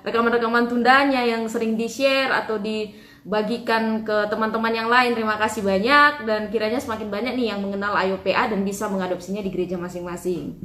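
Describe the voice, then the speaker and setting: A woman presents an online Bible study as its host. Her voice is slightly high and clearly bright, with polite, pausing delivery. The recording has a strong room echo. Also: steady tone. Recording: roomy, echoing sound.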